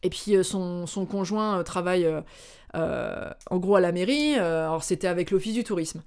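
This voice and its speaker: Chatty French woman, slightly low voice. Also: normal speed, smooth. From France. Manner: chatty, animated, acts out dialogue; hesitant with frequent filler sounds. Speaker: vlogger. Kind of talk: casual storytelling to camera.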